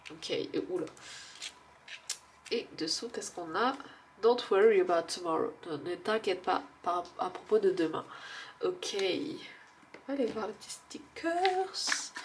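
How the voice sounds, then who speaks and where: A woman's voice: medium pitch, expressive, takes it slowly, long pauses, a little hiss or hum. Stuffy-nosed woman musing through a card reading. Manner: musing and hesitant, with frequent fillers; laughs softly at herself. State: stuffy nose. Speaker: oracle card reader. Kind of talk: casual spiritual card reading.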